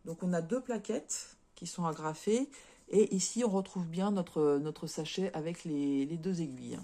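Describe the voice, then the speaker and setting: Mellow-voiced chatty French woman. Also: fairly low pitch, unhurried. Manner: chatty, many fillers and repeated words. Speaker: craft vlogger. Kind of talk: casual unboxing chat.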